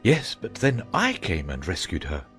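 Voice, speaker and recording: A man voicing a gentle, eccentric knight in a storybook audiobook, earnest and friendly, with a husky voice. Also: low-pitched, wildly swooping pitch, normal speed, soft background music, exaggerated voice. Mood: polite, firm. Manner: friendly, earnest, swooping intonation.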